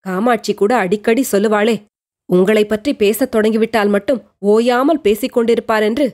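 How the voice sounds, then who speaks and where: A woman's voice: a little high, normal speed, darkish tone, lightly acted. A woman voicing a bedridden young woman, lovesick and brooding, questioning herself in an anxious inner monologue.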